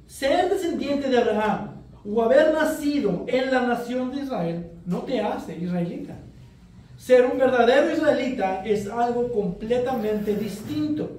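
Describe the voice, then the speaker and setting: A man from Mexico preaching an expository sermon in a measured, earnest way. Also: extremely high pitch, dark tone. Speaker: pastor. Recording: very echoey hall, voice from a distance.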